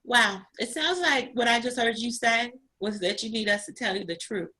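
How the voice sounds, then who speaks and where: A woman's voice: on the high side, normal speed, bright, forceful tone, breathy edge, low-quality recording. A woman hosting an online panel interview over a video call, effusive and emotional as she encourages her young guests. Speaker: host.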